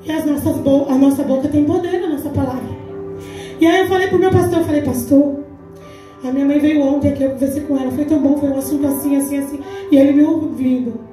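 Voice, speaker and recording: A woman's voice: sits high, fast talker. A Brazilian woman in her forties, a deaconess, giving an emphatic testimony sermon at a church women's congress and acting out the dialogue she recounts. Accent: Brazilian Portuguese. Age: 40s. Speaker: deaconess preaching. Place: large church hall. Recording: echoey church hall from far off, faint music.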